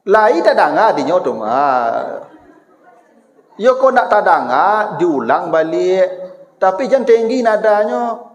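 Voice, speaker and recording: Lively high-voiced Minangkabau preacher. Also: male voice, slow, dull audio. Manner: lively and teasing, acts out everyday exchanges. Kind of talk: lecture-style sermon. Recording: echoey hall with long reverb.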